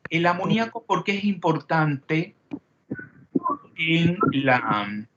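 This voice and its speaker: A man's voice: fairly high pitch, very animated, takes it slowly, muffled recording, noisy background. A man teaching a chemistry class, peppering students with questions and wandering into digressions. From Panama. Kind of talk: classroom lecture.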